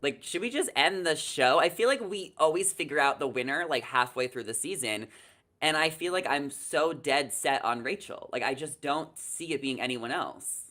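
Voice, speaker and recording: A man's voice: fairly high pitch, moderate pace, sharp tone, faint music behind. A young man co-hosting a reality TV recap, giving casual, chatty and emphatic live commentary over a video call. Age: young adult. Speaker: co-host of a reality TV recap show. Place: small indoor room, video call.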